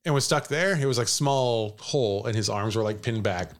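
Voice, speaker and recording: A man with a gravelly, creaky voice tells a ghost story to a co-host in loose, casual chat. He rambles, laughs often and drops into quick put-on voices for quoted lines. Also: lowish voice.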